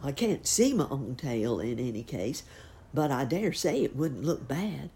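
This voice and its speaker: A woman voicing a gentle, humble male pig who thinks he is ugly, speaking modestly and plainly. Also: a bass voice, sing-song, a little slow, full character voice.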